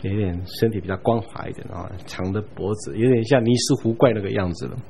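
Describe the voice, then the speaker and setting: A man giving a Bible study lecture in a relaxed, chatty way, chuckling now and then and checking in with his listeners. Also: fairly low pitch, fast, vocal fry, slight background noise. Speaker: Bible teacher.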